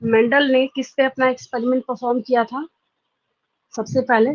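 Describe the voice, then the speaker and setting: A woman's voice: high-pitched, little pitch movement, moderate pace, dry recording, lo-fi sound. A woman with an Indian accent giving an exam-prep biology lecture. She asks questions aloud, answers them herself and repeats the key points. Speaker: biology teacher.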